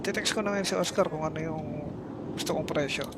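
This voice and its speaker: A man with a high-pitched voice plays a town mayor in game role-play. He gives orders in a bossy, commanding way. A faint hiss sits under his voice. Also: steady tone, a little fast. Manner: bossy and commanding, snaps when challenged. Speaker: streamer playing a town mayor. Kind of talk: in-character role-play over game voice chat.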